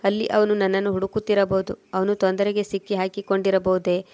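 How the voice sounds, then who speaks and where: A woman's voice: mid-range voice, completely flat delivery, a little fast, darkish tone, natural voice. A woman voicing a worried elderly mother who pleads tearfully while searching for her lost son. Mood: fretful.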